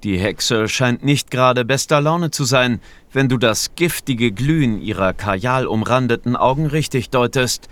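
A man narrating a scripted story in a measured, expressive, dramatic storytelling style. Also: mid-range voice, dry recording.

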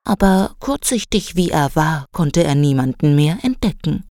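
A woman reads a children's story aloud with a low voice and an unhurried pace. Her telling is measured and expressive, and the close recording is dry. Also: no room sound.

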